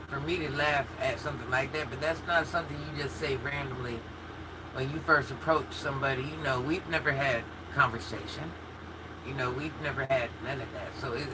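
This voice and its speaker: A woman in her fifties hosts a relaxed livestream, chatting openly with her viewers and reacting to their comments. She talks candidly and laughs easily. A steady air-conditioning hum runs under her voice. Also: deep voice. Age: 50s. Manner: chatty and candid, talks straight to chat with frequent laughs and restarts. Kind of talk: casual chat.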